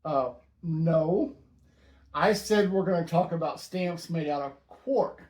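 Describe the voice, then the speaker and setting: Hosting a casual stamp-collecting show, a man with a fairly high voice offers facts and jokes in a dry, deadpan style. He talks slowly, and his room echoes noticeably.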